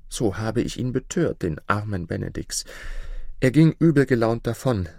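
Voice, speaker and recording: A man's voice: on the low side, darkish tone, no echo, clean studio sound, full character voice. Man doing a sad young maid, tearful and wailing, storybook voice. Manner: lamenting, tearful. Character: grieving young maid full of guilt.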